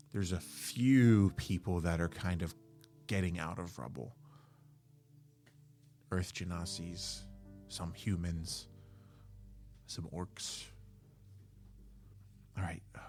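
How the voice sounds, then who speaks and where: A man narrating a tabletop game as game master, halting, with frequent fillers and self-corrections. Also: deep voice, darkish tone.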